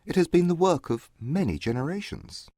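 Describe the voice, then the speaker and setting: A man playing a proud, reserved wealthy young gentleman in a dramatized audiobook, formal and grave. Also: fairly high pitch, lively intonation, moderate pace, a little hiss or hum.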